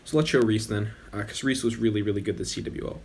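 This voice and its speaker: Low-ish, fast and husky, this young man's voice carries casual commentary over gameplay on his channel even as he loses it. He's easygoing and rambling, regularly stopping to correct himself.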